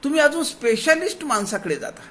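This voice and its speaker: A man with a Marathi accent giving a devotional discourse, drawing out quoted verses slowly. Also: extremely high pitch, sing-song, pushed and bright. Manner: slows to draw out quoted verses. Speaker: spiritual discourse speaker. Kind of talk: devotional discourse explaining scripture.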